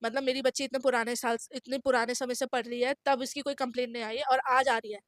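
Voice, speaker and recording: A teenage girl with a high voice tells a school story in a lively, casual way and acts out the other people's voices. The sound is dry and close, with no room echo. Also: quick pace. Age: teens. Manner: animated, acts out quoted voices.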